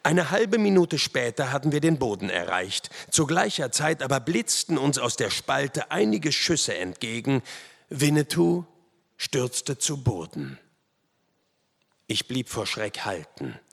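Slow, gravelly dramatic male storyteller. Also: mid-range voice. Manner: dramatic, expressive. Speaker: audiobook narrator. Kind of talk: dramatic first-person story reading. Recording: long hall reverb.

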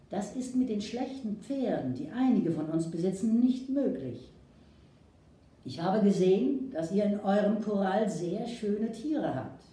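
A woman voicing a calm, firm male frontier hero who gives commands, recorded far from the mic in an echoey room. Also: medium pitch.

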